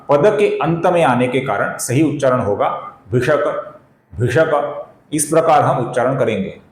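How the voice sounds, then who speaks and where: A man teaching the correct pronunciation of Sanskrit verses, explaining each sound slowly and repeating syllables, addressing viewers as friends, with verses chanted in a measured way. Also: medium pitch, reverberant, low-quality recording. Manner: slow, careful, repeats syllables for precise pronunciation. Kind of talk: explanatory lesson with slow chanting.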